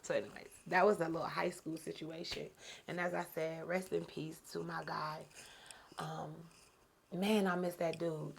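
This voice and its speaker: A woman host telling a personal story in a casual, slangy, animated way, often laughing. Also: on the low side, gravelly. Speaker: podcast host.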